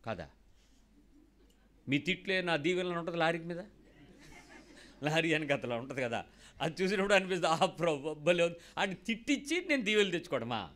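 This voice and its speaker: A man's voice: a little high, big pitch swings, brisk, pauses often, a bit bright. A man preaching a sermon as a pastor, telling stories and acting out the dialogue of the people in them. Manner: storytelling, acting out quoted dialogue.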